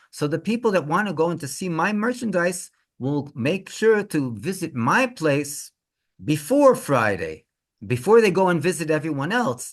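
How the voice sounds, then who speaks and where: Rabbi guy telling a story, voice swings up and down a lot, stops and repeats himself. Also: on the high side. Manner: animated, halting with repeated words. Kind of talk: storytelling talk.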